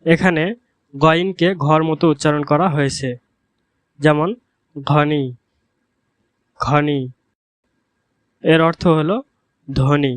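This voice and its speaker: A man teaching a language lesson, speaking slowly and repeating each example word twice. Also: fairly high pitch, steady tone, smooth, no room sound.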